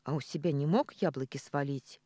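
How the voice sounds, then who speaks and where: A woman's voice: fairly low pitch, huge pitch swings, moderate pace, dark tone, dry recording. A woman voicing a sulky young city woman. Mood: grumbling. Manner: muttering through teeth.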